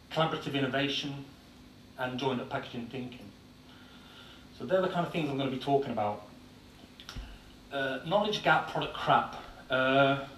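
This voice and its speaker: A medium-pitched, slightly bright-voiced man, born in Ireland but speaking with an English accent, gives a blunt, informal conference presentation full of filler words. It was recorded in an echoey conference hall on a distant mic with faint noise.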